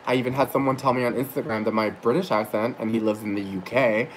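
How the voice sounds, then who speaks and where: A young man talks to camera in a loose, meandering vlog monologue, hopping between asides and filler words. His voice sits at an everyday middle pitch, and faint background noise is audible. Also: steady tone, quick pace. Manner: rambling, chatty, full of fillers and asides. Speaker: aspiring actor and rideshare driver vlogging.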